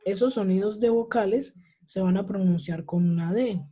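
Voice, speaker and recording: A man teaching an English class over a video call. He explains patiently, checks in with his students after almost every point and repeats example words slowly. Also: high voice, warm tone. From Colombia.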